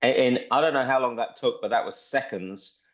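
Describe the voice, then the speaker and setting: A man presents a casual live software walkthrough over muffled online call audio, sounding enthusiastic and often repeating himself. His voice sits in the mid-range and moves a little fast.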